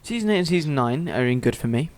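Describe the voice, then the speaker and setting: A young man in casual chat about video games, blunt and quick to swear. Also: fairly high pitch, lively intonation, crowd noise, low-quality recording. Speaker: gaming YouTuber. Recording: faint noise with clicks.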